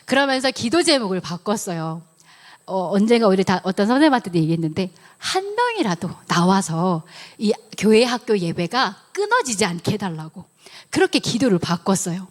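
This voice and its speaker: A woman's voice: mid-range voice, big pitch swings, moderate pace. A middle-aged woman giving a sermon testimony in church, telling her story earnestly and acting out her own prayers and conversations. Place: church sanctuary.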